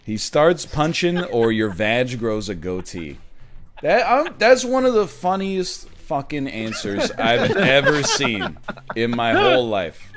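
A man's voice: mid-range voice, takes it slowly. A man hosting a stream, reading game prompts aloud and ranting jokingly in casual banter with friends. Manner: animated, ranting, jokey.

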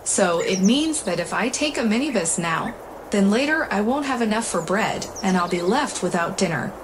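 A woman's voice: medium pitch, lively intonation, normal speed, background noise, close to an everyday voice. Earnest young student, read by a woman. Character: kind young male paramedic student, earnest.

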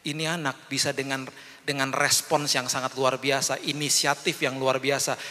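Forceful middle-aged male pastor, reverberant hall. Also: mid-range voice, level tone, moderate pace. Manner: personal storytelling that acts out the voices in the dialogue; addresses the congregation directly. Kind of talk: sermon. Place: large church hall. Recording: long hall reverb from the church.

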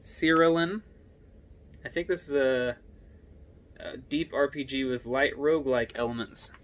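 A young man casually running through his video game collection, giving quick offhand comments on each title. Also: medium pitch, fairly even intonation. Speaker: gaming YouTuber.

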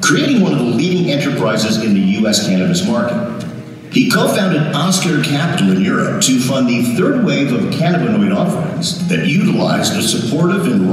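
A man's voice: medium pitch, far from the mic. A man narrating a tribute video in a scripted, emphatic announcer style. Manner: lively, emphatic announcer delivery. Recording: video played over hall speakers, echoey.

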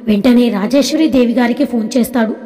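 Woman reading a story out loud, high voice, mellow dark tone, steady. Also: a little fast, long reverb tail. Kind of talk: audiobook story narration.

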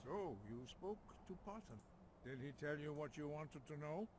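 An actor playing a wise old monk master in a video game, speaking slowly and calmly, heard faintly from far off. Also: male voice, fairly high pitch.

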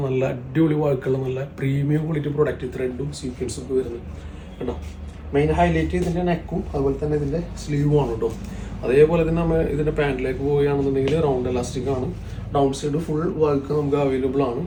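Showing off women's clothing in a sales pitch, this dark-toned man speaks Malayalam with a Kerala accent and mixes in plenty of English words. He keeps repeating himself in typical sales fashion, leaning on frequent tag words, captured by a distant mic in a roomy space with faint noise behind.

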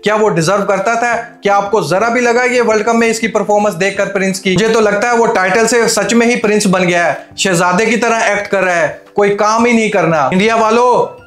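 A man's voice: sits high, fairly even intonation, brisk, hardly any pauses, fairly bright tone, reverberant. A young man analyzing a cricket match to camera in a studio with a lapel mic, firing rhetorical questions and slipping English phrases into his talk. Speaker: cricket commentator. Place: indoor studio set with armchair.

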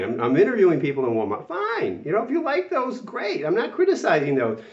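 With a mid-range voice, the sixty-something retirement channel host talks straight to camera, clearly exasperated and stuffy-nosed from a cold, stressing points through repetition. He's indoors in a small whiteboard room, a few feet back from the mic, which leaves the audio roomy, far-off and a little dull.

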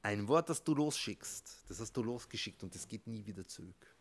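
A man, a rabbi, giving an emphatic motivational talk that swings between soft and loud. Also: fairly low pitch, lively intonation, normal speed, creaky. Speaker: rabbi and therapist.

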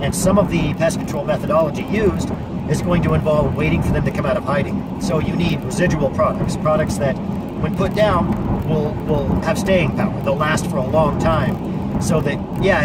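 A man in his forties, a pest control technician, giving earnest, practical advice in a casual talk from a parked car. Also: on the high side. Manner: earnest, practical advice with frequent "you know" and restarts. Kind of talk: casual explainer monologue. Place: parked car, indoors of vehicle. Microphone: camera on dashboard. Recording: distant car-cabin sound with loud background noise.

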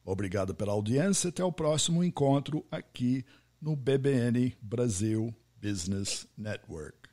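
A man's voice: medium pitch, expressive, mellow. American man hosting a business podcast. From United States. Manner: friendly, spells out names and web addresses slowly. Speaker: podcast host. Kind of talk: business interview in Portuguese.

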